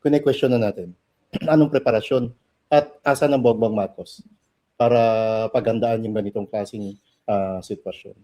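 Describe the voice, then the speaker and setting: A man's voice: medium pitch, fairly even intonation, normal speed, mellow. A man co-hosting a political commentary show, earnest and critical, building to emphatic points. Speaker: co-host.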